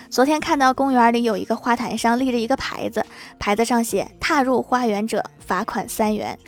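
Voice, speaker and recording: A woman with a fairly high voice hosts a comedy podcast. She reads funny anecdotes in a lively, playful way and chuckles at her own punchlines. Soft music plays quietly underneath her. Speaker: podcast host.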